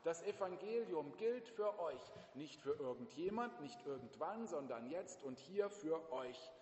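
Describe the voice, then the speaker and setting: A man's voice: fairly high pitch, expressive, a little slow, a little mellow. A male pastor preaching a sermon, emphatically and directly addressing the congregation. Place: church. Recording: echoey church, long reverb.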